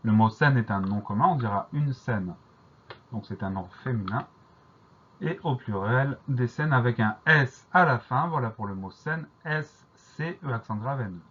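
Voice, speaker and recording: A man teaching a French spelling lesson, spelling words slowly and carefully letter by letter. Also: mid-range voice, lively intonation, breathy edge. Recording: dull lo-fi recording.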